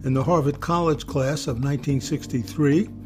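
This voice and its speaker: A man in his eighties opens a podcast with a carefully read, formal introduction. His voice sits a little high for a man. Clear instrumental music plays behind him. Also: moderate pace. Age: 80s. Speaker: podcast host. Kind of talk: scripted introduction. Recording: spoken over clear music.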